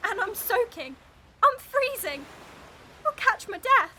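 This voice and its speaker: A woman's voice: sits high, fairly even intonation, a little slow, background noise. Young woman playing a sneering snobbish twin girl. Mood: wailing. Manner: sneering, taunting. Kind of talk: youth theatre audio play.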